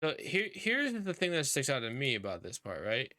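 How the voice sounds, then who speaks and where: A man hosts a casual podcast over a computer mic on a voice call. His voice is smooth and resonant at a middling pitch, and the sound is dry and close. He rambles along with plenty of fillers. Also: huge pitch swings, normal speed, pushed and bright, no echo, soft background music. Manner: rambling, filler-heavy talk. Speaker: podcast host.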